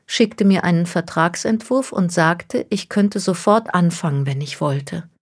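A woman's voice: lowish voice, unhurried, breathy edge. Woman voicing a distraught young woman near tears. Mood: explaining. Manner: pleading, close to tears. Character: young woman, distraught, stranded by a cruel hoax.

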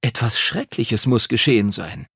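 A man's voice: mid-range voice, lively intonation, normal speed, gravelly, fairly bright tone, slightly rough, no room sound, clean studio sound, full character voice. A man voicing a know-it-all young boy pupil who explains things eagerly. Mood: explaining.

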